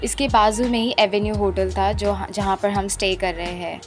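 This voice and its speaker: Speaking at a moderate pace with fairly even intonation, this young woman with an Indian accent voices her travel and food vlog casually. She sprinkles English phrases in as she leads the viewer, her voice in a usual female range over loud background music.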